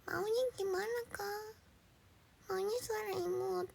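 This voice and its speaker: Woman putting on a soft, high, cute anime girl voice. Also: fairly even intonation, slow, vocal fry, a little hiss or hum, heavily acted. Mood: cutesy teasing. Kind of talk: livestream chat.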